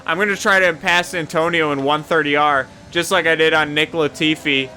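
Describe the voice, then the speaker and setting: A young man casually commentating his own racing game session, swearing often and rambling between excited yelps. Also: fairly high pitch, moderate pace. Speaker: gaming YouTuber.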